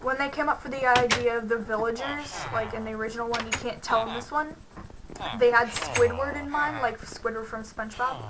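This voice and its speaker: A young woman hosting a gaming channel chats casually through a let's play on a headset mic at her computer, against a noisy background. Her voice is fairly high and a little fast with fairly even intonation, and it sounds worn from losing it. She rambles a lot, with plenty of "like."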